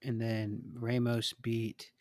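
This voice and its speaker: Man, mid-pitched, dry close sound, laid-back podcast co-host, hesitant. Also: little pitch movement, takes it slowly, darkish tone, no room sound. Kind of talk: casual sports podcast chat.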